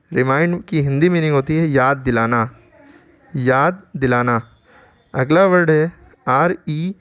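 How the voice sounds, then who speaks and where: A man's voice: a little high, smooth, dull audio. A man teaching English vocabulary in Hindi, spelling each word letter by letter and repeating its pronunciation and meaning. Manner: spells words letter by letter slowly, repeats each word, often asks "ठीक है?". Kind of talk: vocabulary lesson, spelling out words.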